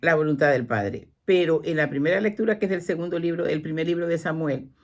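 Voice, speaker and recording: A woman's voice: low voice, a little fast. Woman retelling scripture with acted quotes. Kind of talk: religious talk show.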